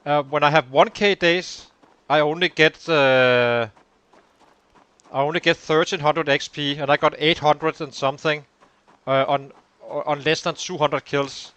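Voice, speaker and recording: A man with a somewhat high, bright and forceful voice talks over his game. He thinks aloud as he works through the numbers behind his progress, in easy let's play commentary. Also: fairly even intonation, unhurried, smooth, no room sound. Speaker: gaming channel host.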